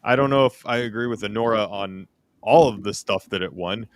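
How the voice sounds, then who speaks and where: A man chatting casually as a guest on a comedy show, relaxed and offhand. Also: on the low side, fairly quick, no echo, clean studio sound.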